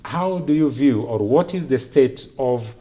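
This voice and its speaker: Measured Kenyan man hosting a talk show. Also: mid-range voice, lively intonation, warm tone, breathy edge. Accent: Kenyan English. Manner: measured, searching phrasing with fillers. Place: TV studio.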